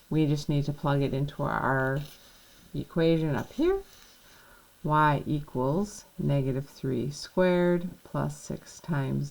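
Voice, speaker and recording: A woman's voice: low voice, creaky, low-quality recording. A woman teaching a math lesson, patiently walking through each step and checking in with the class.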